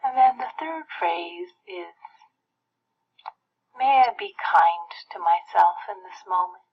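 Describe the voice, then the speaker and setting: A woman leading a guided meditation in a soft, breathy, almost whispered way with gentle pauses. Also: lowish voice, lively intonation. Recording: muffled lo-fi playback.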